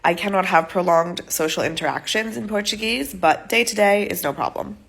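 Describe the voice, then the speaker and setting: A woman's voice: fairly low pitch, moderate pace. An American woman with a head cold and a nasal voice, chatting casually to camera in a rambling way, often saying "like". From United States. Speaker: vlogger and EFL teacher. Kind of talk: casual talking-head vlog.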